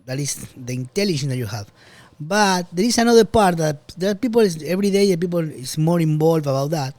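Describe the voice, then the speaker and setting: A man's voice: on the high side, lively intonation, fairly quick, darkish tone, dry recording. A man from Argentina hosting a podcast interview, casual and profane, with loose phrasing. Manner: swears freely, loose non-native phrasing. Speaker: podcast host.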